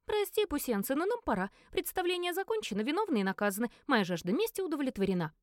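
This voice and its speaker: A woman reading as an excitable young woman who fusses over her pet. Her tone is bright and high, with wide swings in pitch. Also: quick pace, no room sound, studio quality. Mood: fussing.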